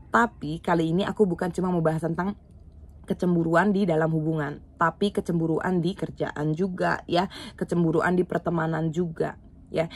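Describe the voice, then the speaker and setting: A woman's voice: medium pitch, breathy edge. A young woman hosting a casual advice talk, chatty and affectionate with her viewers. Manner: chatty, calls listener sayang. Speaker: advice channel host.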